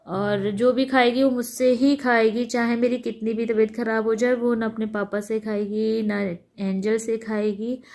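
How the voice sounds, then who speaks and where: A woman, sick and recovering from a fever, chatting casually in a home vlog while lying in bed, speaking softly and wearily. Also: fairly high pitch. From India. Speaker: vlogger.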